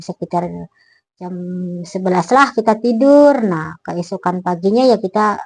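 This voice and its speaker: A woman's voice: medium pitch, expressive, measured pace, a little mellow, no room sound, poor audio. A middle-aged woman telling a personal ghost story in casual, chatty speech, acting out the lines of the people in it and filling her talk with small tags. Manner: chatty, acts out quoted dialogue, many fillers like gitu.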